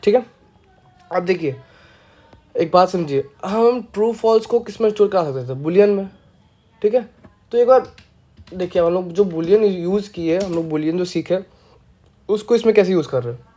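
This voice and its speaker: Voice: medium pitch, animated, normal speed, pauses often, warm tone. A programming teacher giving a casual screencast lesson, playful and often checking that listeners follow along.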